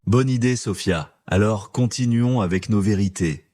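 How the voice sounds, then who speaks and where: A man co-hosting a learners' podcast, speaking clearly and encouragingly like a teacher. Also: lowish voice, moderate pace, warm tone, no echo. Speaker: podcast co-host. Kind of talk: scripted podcast dialogue for learners.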